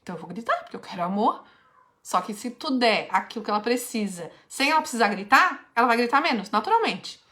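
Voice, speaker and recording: A woman's voice: fairly high pitch, animated, quick pace, sharp tone. A woman leads a live online mentoring session, reading participants' questions aloud and answering them in a direct, coaching way.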